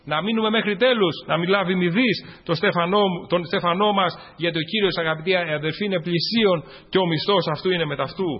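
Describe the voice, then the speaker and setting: Greek male preacher, high and husky. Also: hardly any pauses, long reverb tail, lo-fi sound. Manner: preaching with fervent rises and drops, reciting scripture. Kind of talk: sermon.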